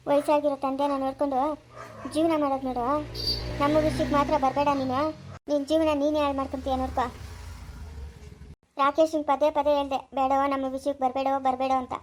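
A woman's voice: high-pitched, slight background noise, lightly acted, rough recording. A woman playing a threatening witch in an amateur village drama, speaking in a cold, commanding way. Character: menacing woman, a witch who threatens and curses.

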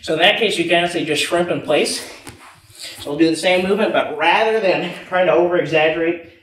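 A young jiu-jitsu instructor, slightly high-pitched and a bit fast with a fairly bright tone, explains movements as he performs them on the gym floor. The indoor mat room is echoey, and the distant mic picks up background noise.

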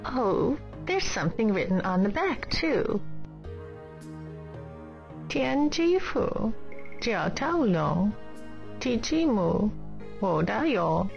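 A woman playing a gentle, courteous elderly shopkeeper grandmother in a video game, speaking politely and deliberately. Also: mid-range voice, big pitch swings, exaggerated voice. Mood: solemn, explaining. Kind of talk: scripted video game dialogue. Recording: dull, compressed game audio. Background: clear background music.

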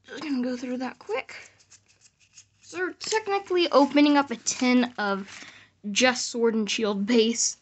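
Higher-pitched woman, noisy recording. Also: unhurried. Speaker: card-opening video host. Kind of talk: casual vlog commentary. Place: small indoor room at home. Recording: clearly noisy, card wrapper crinkling. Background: noise, crinkling and clicks of card packs.

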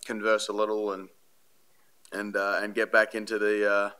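In a press room before a sponsor backdrop, an Australian baseball pitcher takes reporters' questions into podium microphones after the game. His lowish voice is monotone at a moderate pace, pushed and bright, clear and resonant. He rambles earnestly, with plenty of fillers and restarts.

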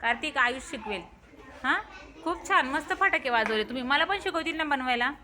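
Bright, high-voiced cheerful woman teacher. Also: lively intonation, brisk, some chatter behind, slight background noise. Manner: cheerful, exclaiming, calling out children's names. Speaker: school teacher. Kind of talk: lively classroom talk with children.

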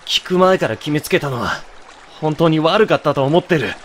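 A man's voice: a little high, lively intonation, moderate pace, fairly bright tone, a little hiss or hum. A man voicing a young boyfriend in an ASMR situation drama, remorseful, brusque yet tender and protective, talking bluntly and intimately as in pillow talk. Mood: desperate, pleading.

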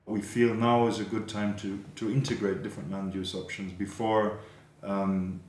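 Male official, interview, low and even, roomy sound. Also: moderate pace. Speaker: parks official. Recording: echoey, faint ambient noise.

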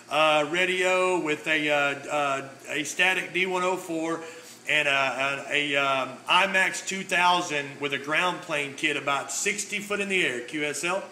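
An American amateur radio operator chats casually and folksily over two-way radio, repeating phrases and using jargon. His voice is a little high, pushed, and bright at a normal speed, filmed up close at an indoor radio desk in a noisy room beside the set.

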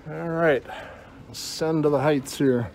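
This man's voice is fairly high, creaky and darkish, at a measured pace, slightly muffled through a face mask. He casually walks through an old bus in a scrapyard, rambling a little and joking dryly. A handheld phone picks it up noisily, along with vehicle ambience.

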